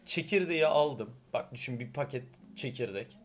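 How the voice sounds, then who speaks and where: A young man co-hosting a laid-back chat, telling stories with a teasing, playful edge. His pitch sits in an ordinary middle range. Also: moderate pace, slight background noise. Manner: playful, teasing, animated storytelling. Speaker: podcast co-host. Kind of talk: casual chat.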